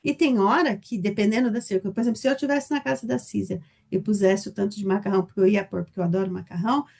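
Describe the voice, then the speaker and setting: A woman speaking casually in a church group discussion, lively and laughing through her examples. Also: mid-range voice, rapid-fire, vocal fry. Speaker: Bible study participant.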